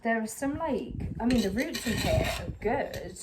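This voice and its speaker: With a fairly high, animated voice at a moderate pace, a young woman from England repots a plant outdoors while chatting to the camera. As a plant vlogger, she rambles self-consciously through lots of fillers. The clear recording picks up outdoor noise from the slightly windy patio beside a brick wall.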